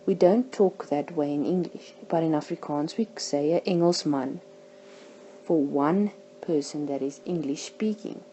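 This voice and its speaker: A woman teaching a language lesson, saying each example word slowly and carefully. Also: low-pitched, warm tone, slight background noise, rough recording. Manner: slow, careful pronunciation of example words.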